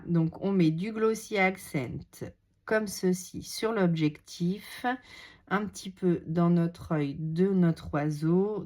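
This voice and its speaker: With a cold, a woman talks casually through a scrapbooking tutorial, demonstrating a page while she works. Her voice is fairly low and dark, and she mutters self-deprecating asides to herself along the way.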